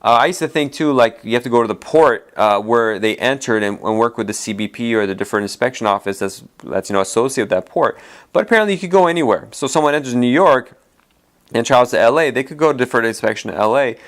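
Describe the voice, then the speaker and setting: A man's voice: mid-range voice, fast. A man who is an immigration attorney, hosting a solo podcast in a casual, rambling way with many fillers and restarts, his voice tired from a long day of talking.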